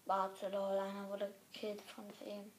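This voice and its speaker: A woman commenting live on her online game in German, excitable and swearing, often dropping to a whisper. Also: medium pitch, unhurried, a little hiss or hum. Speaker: gamer.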